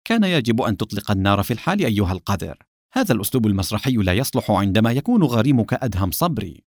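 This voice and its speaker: A man voicing a calm, sarcastic male secret agent in an audiobook. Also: on the low side, rapid-fire, no echo, clean studio sound. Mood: urgent.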